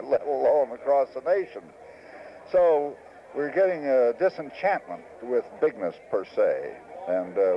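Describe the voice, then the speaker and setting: A man in his sixties, a former farm organization leader, giving earnest, reflective answers in an interview with many hesitant pauses. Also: medium pitch, a little hiss or hum. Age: 60s. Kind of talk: recorded interview. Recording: muffled old archive tape.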